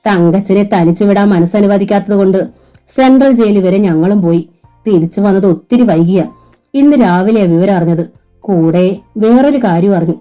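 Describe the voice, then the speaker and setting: A woman's voice: mid-range voice, normal speed, warm tone, muffled recording, faint music behind, lightly acted. A woman reading the part of a worried male friend explaining what happened. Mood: earnest. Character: worried male auto-driver friend recounting news.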